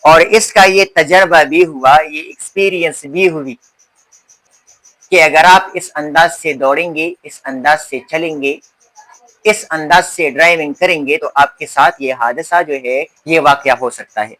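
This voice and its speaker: A man with a high, bright voice gives a lecture as a teacher. He keeps asking questions and answering them himself. He lingers on key words, repeating them slowly and carefully. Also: rough recording. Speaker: Urdu teacher. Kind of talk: classroom-style lecture.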